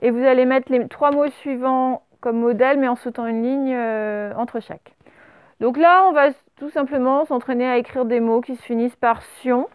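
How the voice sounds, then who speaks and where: A woman teaching a spelling lesson, dictating words slowly and spelling them out letter by letter and syllable by syllable. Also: sits high, smooth, dry recording. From France. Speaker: primary school teacher.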